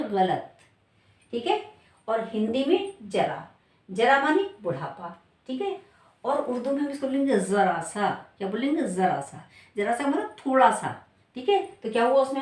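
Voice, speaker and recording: A woman teaching a spelling lesson, asking her students questions and then answering them herself. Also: a little high. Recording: echoey room, voice from far off.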